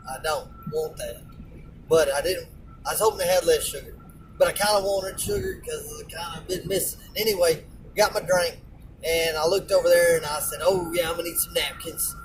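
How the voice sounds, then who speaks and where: A high-voiced man whose pitch jumps around as he rambles through a casual story, stumbling over and repeating his words. His voice has a gravelly fry. He sits away from the mic, with clear noise in the background. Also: distant mic. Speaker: truck driver.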